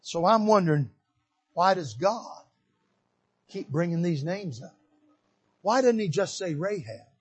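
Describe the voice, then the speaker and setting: A man preaching a sermon, repeating his phrases for emphasis and building to fervent shouts. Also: fairly high pitch, breathy edge.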